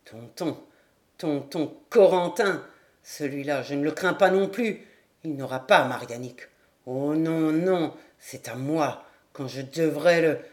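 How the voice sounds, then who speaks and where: A woman doing a raspy drunken sailor. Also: a little high, slow, darkish tone, pitched below the performer's own voice. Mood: raging. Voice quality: raspy, slurred. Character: drunken raging sailor back from abroad, boastful.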